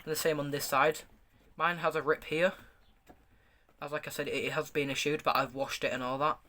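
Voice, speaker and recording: A man's voice: a little high, little pitch movement, a little fast, bright, forceful tone. A man giving a casual, hands-on product review, speaking in a stop-start, hesitant way with repeated words. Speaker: gas mask reviewer. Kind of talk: casual product review, showing items to camera.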